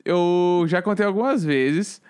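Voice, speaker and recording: A man, co-hosting a podcast and telling a rambling, animated story in casual chat. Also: high-pitched, a little slow, clear, resonant tone, no echo, clean studio sound. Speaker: podcast co-host.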